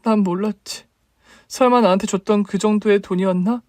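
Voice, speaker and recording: A man's voice: sits high, steady tone, normal speed, darkish tone, no room sound, pitched above the performer's own voice, natural voice. A man doing a wounded young woman. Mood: weary. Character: young woman, hurt younger sister, new mother. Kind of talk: radio drama reading.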